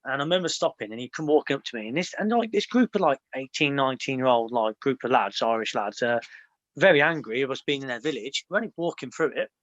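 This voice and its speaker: Fast-talking English man, rambling. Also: mid-range voice, lively intonation, a bit bright, no room sound, dull audio. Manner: rambling, many fillers and restarts. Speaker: podcast host, ex-soldier. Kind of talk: casual storytelling chat.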